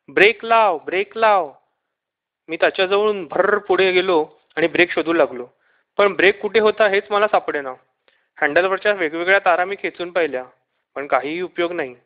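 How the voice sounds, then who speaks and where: A man reading a children's story aloud in lively first-person narration. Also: high voice. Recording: dull lo-fi recording.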